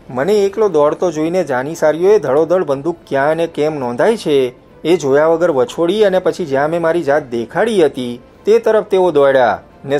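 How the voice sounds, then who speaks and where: A man narrates a novel in a dramatic first-person storytelling style, pushing his voice up for the shouted lines. His voice sits slightly high for a man. Faint music plays under the reading. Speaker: audiobook narrator.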